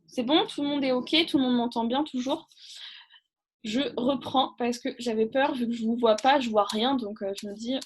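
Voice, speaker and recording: A woman's voice: on the high side, slight background noise. A woman giving a casual live online training over a video call, chatty and rambling, with many fillers and restarts.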